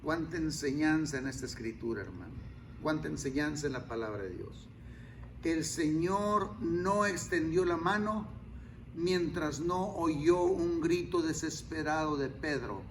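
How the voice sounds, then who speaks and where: A male pastor preaching a sermon, dropping to near-whispers and then rising to loud, pleading cries. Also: fairly high pitch, expressive, unhurried, slight background noise. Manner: swings from quiet murmurs to loud cries.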